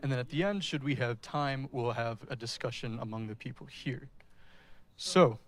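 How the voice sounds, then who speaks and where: A man's voice: medium pitch, moderate pace. A man giving a technical presentation in front of an audience, addressing the listeners directly. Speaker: speaker giving a technical talk. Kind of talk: conference-style presentation to an audience.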